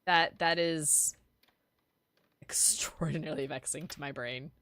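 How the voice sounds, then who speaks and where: A woman's voice: low-pitched, steady tone, a little slow, a bit bright, slight background noise. A woman chatting casually and playfully while gaming on a livestream. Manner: playful, bantering. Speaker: livestream gamer.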